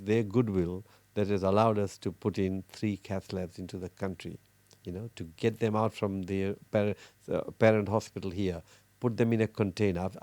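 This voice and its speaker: A middle-aged man from Fiji, a cardiologist, talking earnestly in an interview with many pauses and restarts. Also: on the low side, mellow, dry recording. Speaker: cardiologist guest. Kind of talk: casual interview talk.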